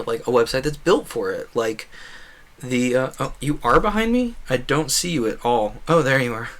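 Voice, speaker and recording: This man's mid-range voice is a touch bright as he streams gameplay and makes videos. His casual commentary wanders, breaking off midway and coming back rephrased.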